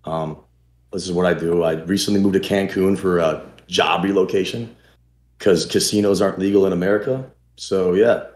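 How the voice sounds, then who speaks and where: Low-voiced young man on an echoey call. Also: normal speed. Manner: deadpan trolling with frequent laughs. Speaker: dating contestant. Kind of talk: casual video-call chat. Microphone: video call. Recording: echoey room.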